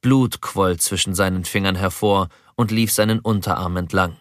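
A man narrating a story aloud in a calm, measured audiobook reading. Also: deep voice, no echo, clean studio sound.

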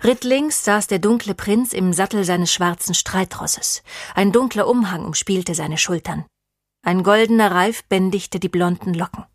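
Calm woman reading an audiobook. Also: medium pitch, unhurried, no room sound, studio quality. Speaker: audiobook narrator. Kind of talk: scripted narration.

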